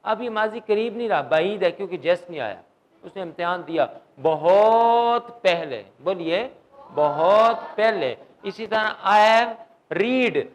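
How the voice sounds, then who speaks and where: Male English teacher, high voice, classroom grammar lecture, keeps quizzing students. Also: lively intonation, dull audio. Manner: quizzes students, mixes English terms into Urdu.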